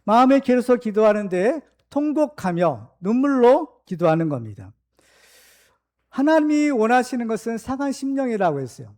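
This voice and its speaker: A male pastor preaching a sermon, emphatic and full of rhetorical questions to his congregation, reading scripture slowly and deliberately. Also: very high-pitched, very animated, a little mellow.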